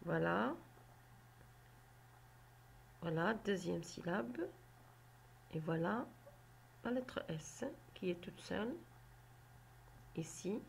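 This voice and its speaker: A woman teaching a phonics lesson to children, sounding out syllables slowly and deliberately. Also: fairly low pitch, vocal fry, slight background noise. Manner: slow, deliberate, spelling out syllables.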